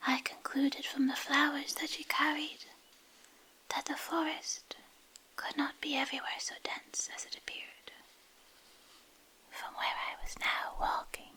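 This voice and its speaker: A woman reads a literary fantasy story as ASMR in a breathy, intimate whisper, hushed and pausing between short phrases, close to a binaural microphone. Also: sits high, little pitch movement, low-quality recording. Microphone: close binaural microphone, ear to ear.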